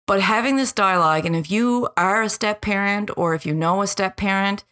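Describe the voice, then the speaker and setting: A woman in her forties speaking earnestly and deliberately in a personal, reflective podcast monologue. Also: medium pitch, a bit bright. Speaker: podcast host.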